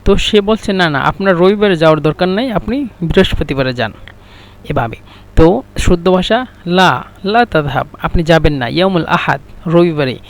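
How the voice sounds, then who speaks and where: A man with a Bangladeshi Bengali accent teaching an Arabic lesson, repeating phrases slowly to drill them. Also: fairly high pitch, expressive. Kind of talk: explaining a language lesson.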